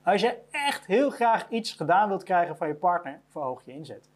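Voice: medium pitch, big pitch swings, normal speed. A business owner giving a blunt motivational monologue about career advice, repeating each point to hammer it home.

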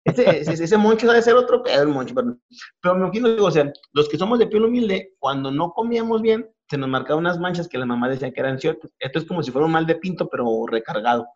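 A Mexican man in his forties hosts a comedy talk, rattling off slangy jokes at a fast clip. His voice sits a bit high. The recording is dull and lo-fi. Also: lively intonation. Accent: Mexican Spanish. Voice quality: rapid, slangy, joking delivery. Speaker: host. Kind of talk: comedic casual chat. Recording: dull lo-fi audio.

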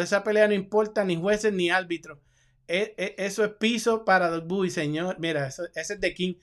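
A Cuban man with a fairly high voice co-hosts a boxing talk show. He argues in a contrarian, teasing way and keeps pushing his point over his partner. The talk is loose, casual sports debate. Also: fairly bright tone.

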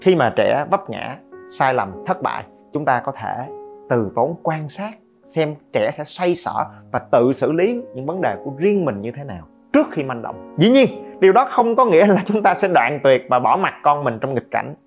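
A middle-aged man hosts a podcast about parenting and makes lively, joking asides to listeners. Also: fairly high pitch, normal speed. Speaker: podcast host. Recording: slightly dull, faint guitar music.

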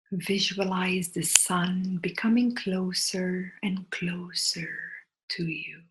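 A woman guides a meditation, her soft, breathy, soothing voice often sinking almost to a whisper, with long pauses between short phrases. Her pitch sits fairly low, and the recording quality is poor.

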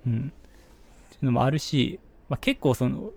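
Gravelly Kansai man, chatty and lively. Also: mid-range voice, moderate pace. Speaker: podcast co-host. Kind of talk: casual chat.

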